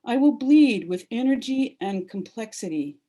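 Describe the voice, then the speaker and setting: A woman giving a solemn, deliberate poetry reading as a guest reader. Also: on the high side, animated, mellow. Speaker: poet reading at a memorial.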